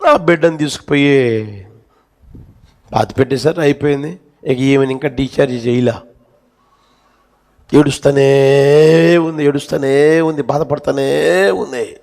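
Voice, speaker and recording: Gravelly impassioned male preacher. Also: mid-range voice, a little slow, pauses often, darkish tone. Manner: impassioned storytelling, repeated phrases. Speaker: pastor. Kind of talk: sermon. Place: church.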